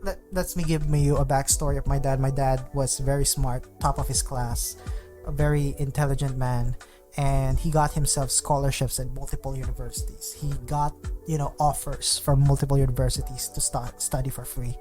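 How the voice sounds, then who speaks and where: A man's voice: medium pitch, little pitch movement, moderate pace, a little mellow, soft background music. A young man from the Philippines with a Filipino accent, whose first language is Tagalog, hosting his podcast in an unscripted, rambling way with many fillers and restarts. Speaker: podcast host. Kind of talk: unscripted casual monologue.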